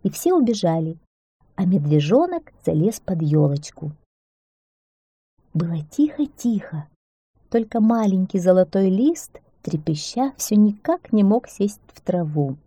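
A woman storyteller reading a children's tale aloud in an expressive, unhurried way. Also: medium pitch, husky, no room sound.

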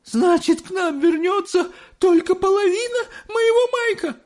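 Brief: male reader as distraught mother, sobbing high falsetto. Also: measured pace. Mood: wailing. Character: frantic tearful mother, middle-aged woman.

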